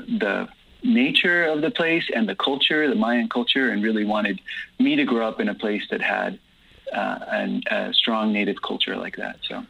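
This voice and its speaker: Creaky and husky, this man's mid-range voice comes through lo-fi sound as he gives relaxed, conversational interview answers as a guest. Raised in Guatemala with Dutch as his first language, he speaks easygoing, thoughtful English with no accent, dropping in plenty of ums.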